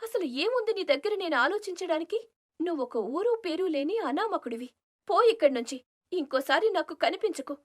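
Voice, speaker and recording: A woman voicing a proud young village woman in an animated story, haughty and dismissive. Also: extremely high pitch, normal speed, voice pushed up. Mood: scornful. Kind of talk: storybook cartoon voice acting.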